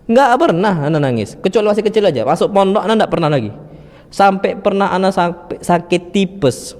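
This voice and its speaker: A man's voice: sits high, in a large hall. A man preacher, telling personal stories in a mosque study talk, sprinkling in Arabic phrases. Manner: animated storytelling with Arabic phrases.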